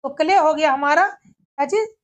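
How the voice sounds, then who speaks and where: Woman teacher, really high voice, explains each word slow and steady, asks questions then answers them. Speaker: English teacher. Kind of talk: scripted grammar lesson.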